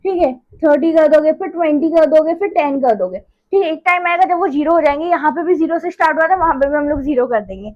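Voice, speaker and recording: A woman's voice: sits high, fast talker, hardly any pauses, muffled recording. A woman teaching a maths lesson in a chatty, casual way, going over each step again and checking in often. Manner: chatty, repeats each step with "theek hai".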